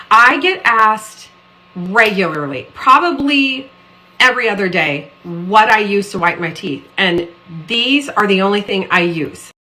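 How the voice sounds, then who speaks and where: Bright, casual woman vlogger. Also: mid-range voice, poor audio. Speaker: lifestyle vlogger. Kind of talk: casual vlog chat.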